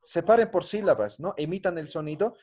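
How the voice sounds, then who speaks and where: A man's voice: fairly high pitch, lively intonation, fairly quick, a little mellow. A man teaching an online language class, patiently drilling greetings and often ending phrases with a questioning "¿no?".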